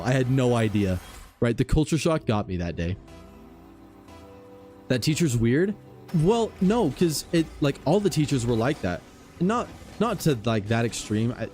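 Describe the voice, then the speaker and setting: A man livestreaming games, chatting casually with viewers and telling stories in an animated, slangy way. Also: medium pitch. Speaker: gaming livestreamer.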